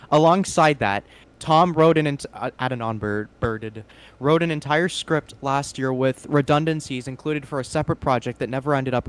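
Crude, excitable young man streaming. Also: on the high side. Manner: crude, excitable, cuts in with loud outbursts. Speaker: stream host. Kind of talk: casual stream commentary, reading a statement aloud.

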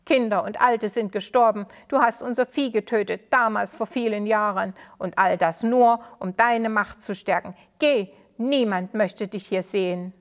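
A woman reading aloud plays an angry man from the town crowd in a children's storybook, loud and accusing as he rails at the stranger. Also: high voice, normal speed, few pauses. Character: angry grown man of the townsfolk.

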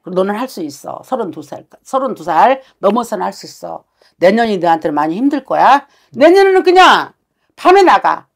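A woman's voice: mid-range voice, lively intonation, fairly quick, creaky. Blunt scolding woman fortune teller. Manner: blunt, scolding, uses coarse words. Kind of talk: fortune-telling consultation.

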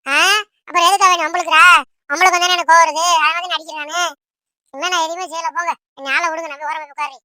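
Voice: very high-pitched, fairly even intonation, very fast, bright, forceful tone, no room sound, clean studio sound, heavily acted. A voice actor playing quarrelling teenage siblings in a cartoon who whine and tattle on each other. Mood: whining. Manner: whining, tattling. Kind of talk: Tamil cartoon voice acting.

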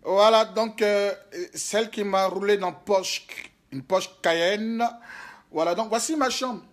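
A man talks into a handheld phone in a hotel room. His voice sits notably high for a man. He tells his stories in a lively, exclaiming way, breaking into laughter. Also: slow. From Côte d'Ivoire. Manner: animated storytelling, laughing and exclaiming. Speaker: prophet and spiritual guide. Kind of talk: casual video diary.

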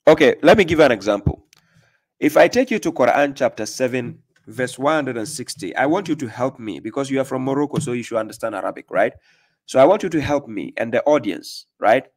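Expressive and a little fast, the male host speaks at a medium pitch in a plain mid-range voice. He is running a live call-in debate from his home desk in a small room indoors. Pushy by nature, he questions relentlessly, presses, and goes over the same points again.

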